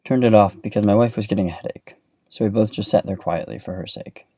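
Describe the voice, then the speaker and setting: A man narrating a comic spoken-word story with a gravelly, deadpan, rhythmic delivery. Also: lowish voice, quick pace, loud music behind the voice.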